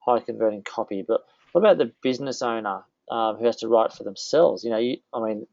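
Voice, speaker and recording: Man, gravelly voice, mid pitch, dry dull call audio, rambling interview host. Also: a little fast, a little mellow, no echo. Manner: rambling, restarts a lot. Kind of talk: casual interview chat.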